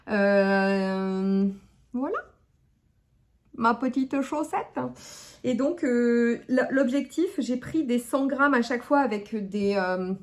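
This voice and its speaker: A woman hosting a knitting podcast, chatting casually to her camera, hesitant, full of fillers and self-corrections, and chuckling at herself. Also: medium pitch. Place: at home, in front of her camera.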